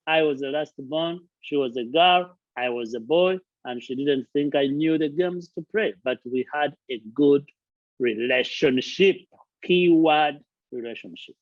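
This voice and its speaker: Speaking indoors at a friend's house, a Ugandan man with a voice on the high side gives an earnest motivational talk for his channel. He founded a charity and stresses his points by listing and repeating words; there's no echo, and the highs are cut off.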